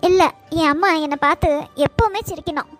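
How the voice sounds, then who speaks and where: A woman's voice: very high-pitched, fairly quick. A woman voicing a small, sad girl in a cartoon, speaking in a tearful, plaintive way. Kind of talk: cartoon voice acting. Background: faint background music.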